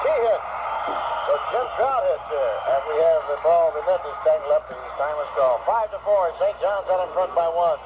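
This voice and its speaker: A man calls a basketball game on an old 1969 tape, rapid-fire, his voice jumping higher whenever a shot drops. His voice sits fairly high for a man, and a loud hiss fills the old recording. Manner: rapid-fire calling, voice leaps up on each basket. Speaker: play-by-play sports announcer. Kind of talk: live basketball play-by-play commentary.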